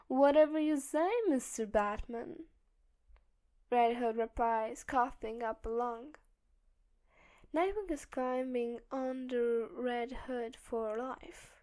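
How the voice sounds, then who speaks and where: A woman narrating a fan audiobook, steady and measured. Her voice sits fairly high, and she takes her time through each sentence.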